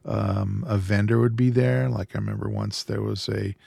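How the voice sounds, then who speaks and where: A man co-hosting a podcast, telling a story in a relaxed, easygoing way with a few fillers. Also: fairly low pitch, moderate pace, creaky, husky, dry recording. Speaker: podcast co-host. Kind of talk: casual chat.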